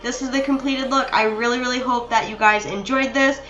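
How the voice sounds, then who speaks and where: A woman's voice: a little high, steady tone, fairly quick, highs cut off. A young woman narrating a makeup tutorial in a chatty, apologetic way, talking straight to her viewers. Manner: chatty, apologetic, addresses viewers as you guys. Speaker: beauty vlogger. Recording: roomy echo with soft music behind.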